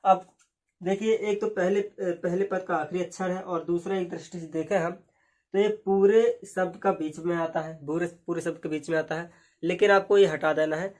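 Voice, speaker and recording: A man teaching a lesson, patiently repeating words and spelling out letters slowly. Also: sits high, steady tone, a little mellow. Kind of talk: explaining a lesson.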